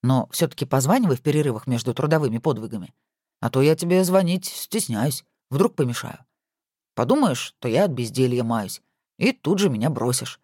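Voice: mid-range voice, lively intonation, a little fast, a little mellow, breathy edge, no echo, studio quality. A reader doing a joking good-natured husband. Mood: playful. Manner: bantering, playful.

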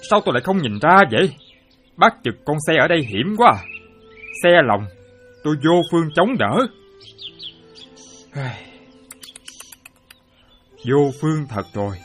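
A loud-mouthed, boastful old soldier, acted by a man, who bursts into exclamations. His pitch leaps around with lively swings. Faint music sits under this radio play. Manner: excitable, exclamatory. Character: excitable boastful former soldier, a chess fan.

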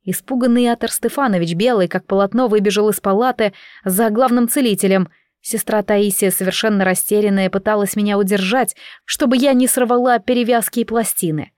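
A woman reading a dramatic audiobook aloud, slow and measured, voicing every character with emotion. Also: medium pitch, a little mellow, no echo, clean studio sound. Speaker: audiobook narrator.

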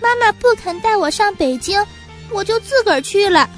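A high, eager little pigeon boy in a children's storybook, bold but quick to stammer when caught out, as a woman storyteller puts him on. Faint music plays under the reading. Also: expressive. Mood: pleading.

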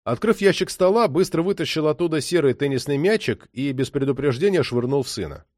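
A man reads a crime novel aloud, his pitch moving in a lively way through the narration. The recording is dry and close, with no room sound. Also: brisk, no room sound. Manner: expressive reading, voices the characters. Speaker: audiobook narrator. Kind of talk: scripted narration.

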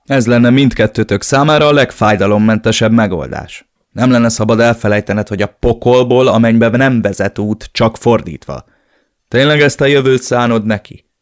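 A man's voice: medium pitch, natural voice. A man voicing a blunt, scolding loyal friend. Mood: urging. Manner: scolding, urgent and emphatic. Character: blunt, loyal male friend giving hard advice. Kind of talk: audiobook character reading.

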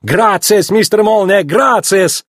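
A man voicing an excitable male Italian tire-shop car with broken grammar and a put-on Italian accent. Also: sits high, slow pace, no echo, clean studio sound, pitched above the performer's own voice, exaggerated voice. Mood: excited. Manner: broken grammar, gushing and exclamatory.

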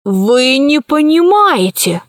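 A stern ruling queen voiced by a woman reader hands down orders in a cold, commanding tone. Her voice sits fairly high and moves at an unhurried pace. The sound is close and dry. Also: big pitch swings, dry recording, exaggerated voice. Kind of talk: audiobook character voice.

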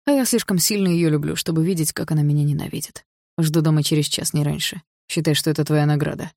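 A cold, controlling stepfather who threatens in a calm, condescending tone, read by a woman. The voice sits low and steady. It is recorded close and dry, with no room sound. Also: quick pace, gravelly, dry recording. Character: cold controlling stepfather, middle-aged man.

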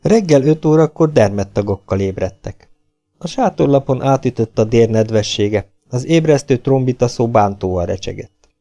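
Warm-voiced male audiobook narrator. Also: mid-range voice, lively intonation, faint music behind. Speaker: audiobook reader.

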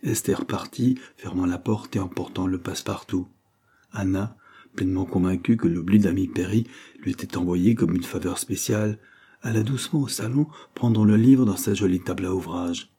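A man narrating a classic novel as an audiobook in a steady, even reading style. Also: deep voice, moderate pace, slightly rough.

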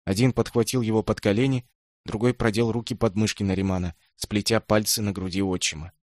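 A man narrating an audiobook in a steady, measured storytelling manner. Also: on the low side, no echo. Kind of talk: audiobook reading.

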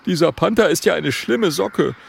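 A man's voice: on the high side, expressive, normal speed, gravelly, slight background noise, voice pushed up. A man doing a boisterous little dragon. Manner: boisterous, blustery. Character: loud cheerful small male eating-dragon.

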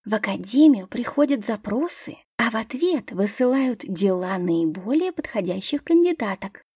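A woman's voice: fairly high pitch, expressive, moderate pace, dark tone, slightly rough, no echo, clean studio sound. A woman voicing a gossipy young female forest-folk student who talks in a conspiratorial half-whisper.

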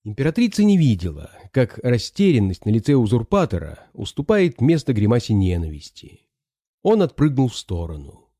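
A man narrating an audiobook in an expressive, dramatic manner. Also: medium pitch, moderate pace, no echo, clean studio sound.

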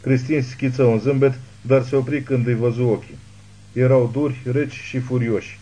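A man reading a thriller novel aloud as an audiobook narrator, in steady scripted narration. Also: mid-range voice, poor audio.

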